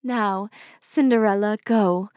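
A woman reading a storybook voices the fairy godmother as a kindly older woman who speaks gently and coaxingly, slowing down on her words. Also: mid-range voice, steady tone, dry recording, studio quality, lightly acted. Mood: gentle.

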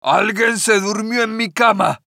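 A man voicing a big father bear with a loud, hoarse voice. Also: high voice, steady tone, measured pace, no echo, clean studio sound, voice pushed up, full character voice. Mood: growling.

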